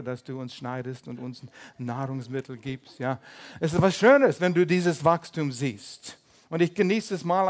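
An older male pastor delivering a sermon in a slightly high voice. He talks in a lively, joking way, with small slips in his grammar.

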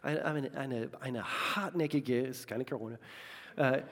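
A man's voice: mid-range voice, a little slow, a bit bright. A male pastor preaching a sermon at a church service, stuffy from a sinus infection, emphatic and repeating phrases while asking the congregation direct questions. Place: church service in a large hall. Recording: long hall reverb.

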